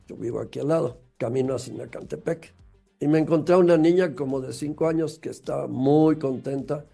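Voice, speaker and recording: A man gives a motivational talk about raising children, firing off rhetorical questions. His voice is warm and gravelly, with a husky edge. Faint music plays behind him. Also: a little high. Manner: emphatic, full of rhetorical questions.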